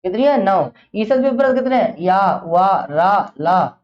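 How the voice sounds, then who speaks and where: A woman's voice: mid-range voice, animated, a little slow. A woman teaching an exam-prep class, who fires off a question, repeats it, and then answers it herself. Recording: dull lo-fi classroom recording.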